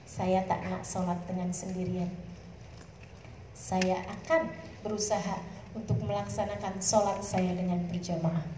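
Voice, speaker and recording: A woman preacher giving a lively religious talk to women, speaking with some mixed in, her voice swinging between soft and raised. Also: mid-range voice, recorded from a distance. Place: community hall. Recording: echoey hall, faint noise.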